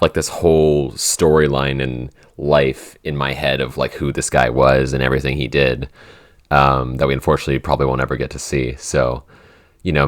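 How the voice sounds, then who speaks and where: A man with a very deep voice hosts a casual podcast Q&A and also writes the show, speaking in a rambling, informal way. The sound is clean and studio-grade with no room sound.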